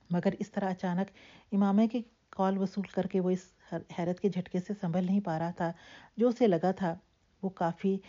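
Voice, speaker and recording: A woman narrating a novel as an audiobook in a steady, measured reading, on a dull lo-fi recording. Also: on the low side.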